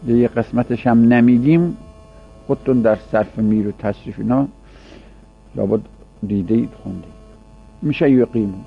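A man teaching Arabic grammar in a classroom lecture, whose first language is Persian, drawing out the example words slowly. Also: mid-range voice, creaky. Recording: dull lo-fi recording with mains hum.

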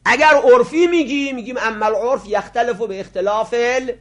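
Male seminary teacher with a very high voice, lecturing and posing his own questions. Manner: asks rhetorical questions and answers them himself; voice drops sharply quiet at the ends of phrases. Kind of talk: lecture on religious law.

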